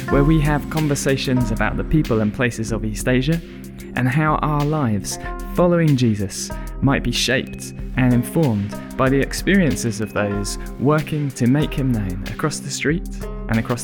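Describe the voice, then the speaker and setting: A man reads a podcast intro in a clear, welcoming way. His pitch is mid-range and steady. Plucked guitar music plays clearly underneath. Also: moderate pace. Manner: clear and welcoming, read from a script. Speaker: podcast host.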